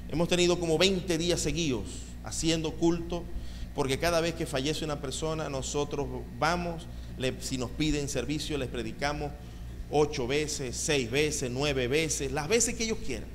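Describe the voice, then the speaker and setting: A male pastor preaching a sermon with animated delivery and calls of amen, recorded in a church sanctuary. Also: fairly high pitch, a little hiss or hum. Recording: reverberant hall with faint ambience.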